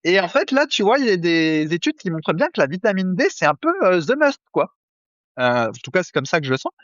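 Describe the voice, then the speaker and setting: A man's voice: sits high, very animated, a little fast, fairly bright tone, no room sound, dull audio. A man co-hosting a nutrition podcast, chatting casually with many fillers and jokey asides. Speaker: podcast co-host. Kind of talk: casual chat.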